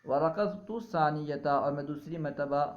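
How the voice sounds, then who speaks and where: Male teacher, higher register, methodical phrase-by-phrase explainer with rhetorical questions; dull lo-fi recording. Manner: reads each phrase aloud, then explains it with rhetorical questions. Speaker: teacher of classical Arabic texts. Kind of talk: line-by-line translation lesson.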